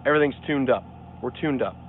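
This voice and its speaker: A man's voice: mid-range voice, fast talker, slight background noise. Distant-sounding man on a thin, phone-like livestream. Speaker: live stream host taking call-ins. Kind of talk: casual livestream chat. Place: inside a truck sleeper cab.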